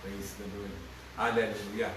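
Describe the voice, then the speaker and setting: A man preaching a sermon as pastor, mixing Tagalog with English, swinging between loud emphatic bursts and low asides. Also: level tone, unhurried, a little hiss or hum. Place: church hall. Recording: echoey church livestream, distant mic.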